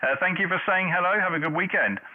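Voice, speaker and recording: A middle-aged man runs an amateur radio net, trading call signs and signal reports in radio jargon. He talks fast in a fairly high voice, and the audio is narrow, dull, and phone-like, with slight background noise.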